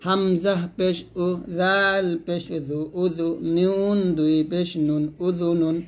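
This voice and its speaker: A man with a fairly high voice teaches Quran reading step by step. He names each letter and its vowel mark, then joins the sounds into whole words. He has the viewer repeat each word after him. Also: little pitch movement, takes it slowly. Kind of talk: spelled-out recitation lesson.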